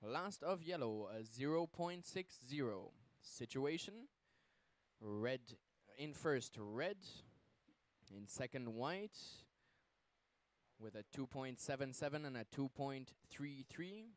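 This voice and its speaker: A man announcing a surf contest live, calling the action and scores in a laid-back, measured manner. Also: medium pitch, lively intonation, dry recording. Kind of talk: live competition commentary and announcements.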